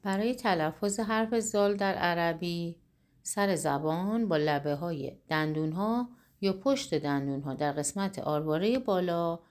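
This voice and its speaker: A woman teaching Quran recitation in a step-by-step spoken lesson. She explains clearly and patiently, and she drills syllables slowly. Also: fairly low pitch, a little mellow.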